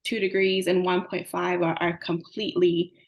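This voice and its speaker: A woman's voice: fairly low pitch, little pitch movement, normal speed. Earnest young woman. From Samoa. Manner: earnest, fluent, frequent "like" and "um" fillers. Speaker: climate advocate guest. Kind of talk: interview answers.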